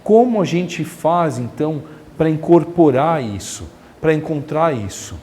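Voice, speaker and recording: A man's voice: a little high, expressive, a little slow, dark tone, big-room sound, slight background noise. A man giving a spiritist lecture in a chatty way, asking the audience rhetorical questions. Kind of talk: religious lecture. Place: lecture hall of a spiritist center.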